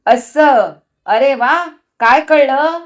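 Angry scornful husband, read by a woman narrator, biting and sneering, raised pitch. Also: extremely slow.

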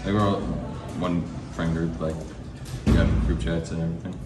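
Young man, low voice, relaxed brief replies; echoey, noisy campus hall. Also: moderate pace. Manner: easygoing, short replies. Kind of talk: casual answers to an interviewer. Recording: echoey hall with loud noise.

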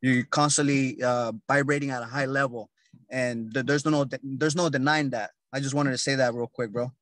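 A man speaking casually, halting and repeating his words. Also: mid-range voice, fairly even intonation, fairly bright tone, dry recording, clean studio sound. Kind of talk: casual conversation.

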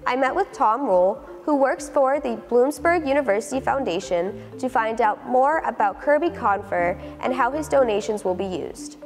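A woman narrating a student news report in a clear read-out manner. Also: on the high side, expressive, normal speed, few pauses. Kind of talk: scripted narration. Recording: reverberant voice-over with music.

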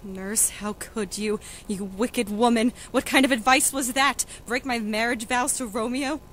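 A woman's voice: on the high side, moderate pace, a little hiss or hum, close to an everyday voice, rough recording. Young woman as a pleading young noblewoman. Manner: pleading, emotional. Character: young noblewoman, desperate and defiant. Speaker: student actor in a school reading.

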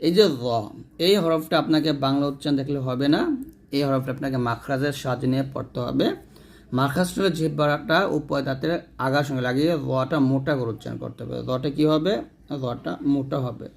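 A man's voice: medium pitch, a little fast, vocal fry. A man teaching Quran letter pronunciation step by step, sounding out each letter and answering his own questions.

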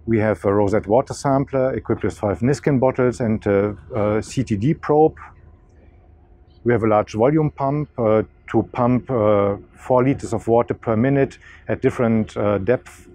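A man's voice: mid-range voice, normal speed, warm tone. A middle-aged man, a marine scientist, explaining equipment outdoors on a yacht deck, with frequent hesitations. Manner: hesitant, many uh fillers. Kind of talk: on-camera explanation.

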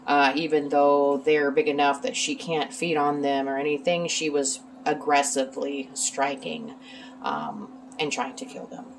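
A woman with the hiccups, chatting casually in a home vlog about her fish tank, halting often with ums and excusing herself. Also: sits low, animated, slight background noise. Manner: halting, filler-heavy, with hiccups and throat clearing. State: has the hiccups. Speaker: aquarium hobbyist vlogger.

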